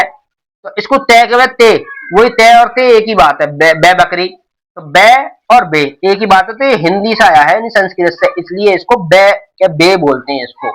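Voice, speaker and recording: A man's voice: high-pitched, a bit bright, rough recording. A middle-aged man teaching a beginners' alphabet lesson, explaining patiently and repeating himself often. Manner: patient, repetitive explaining with many restarts. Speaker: Urdu teacher. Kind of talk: classroom-style alphabet lesson.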